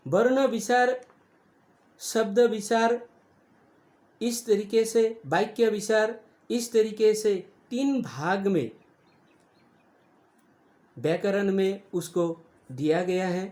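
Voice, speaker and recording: A teacher giving a slow grammar lesson to children, spelling out letters one at a time and stretching sounds to show their length. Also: mid-range voice, darkish tone.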